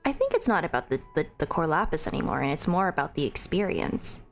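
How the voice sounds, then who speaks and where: Animated young woman streaming a game. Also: sits low, quick pace, music in the background. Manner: chatty, playful, reacting. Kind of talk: casual live stream commentary.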